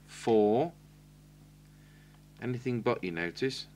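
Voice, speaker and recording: A presenter who repairs radios works at an indoor workbench, talking through the job aloud in a matter-of-fact, informal demonstration. He has an English accent and a medium-pitched, darkish voice, speaking slowly, with a little hiss or hum in the recording.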